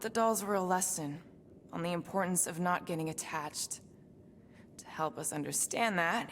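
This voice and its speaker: In a cinematic video game, a female assassin from space sounds weary and wistful, her low voice gravelly with fry yet fairly bright in tone. Guarded and reflective, she pauses as she speaks. There's faint background noise.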